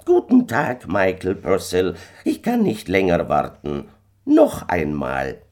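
A man voicing a sinister little old stranger from a fairy tale, speaking slowly and insistently in a raised voice. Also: huge pitch swings, a little mellow, exaggerated voice. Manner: slow, high, insistent pleading.

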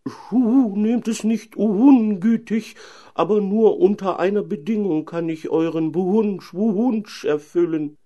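A man voicing a lonely, sad enchanted owl princess who hoots between her slow, mournful phrases. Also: high-pitched, mellow, muffled recording, voice pushed up. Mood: pleading.

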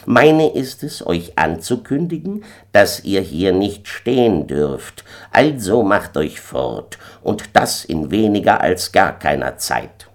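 A man's voice: deep voice, very animated, slow pace, few pauses, exaggerated voice. A man voicing a small, spiteful Man in the Moon in a storybook reading, curt and mocking, drawing out his words.

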